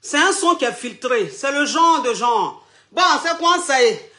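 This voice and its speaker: A man with a very high, bright, forceful voice hosts a playful online chat show at a measured pace, sounding out of breath. Expressive and flamboyant, he teases his viewers, laughs often, and calls them "my loves".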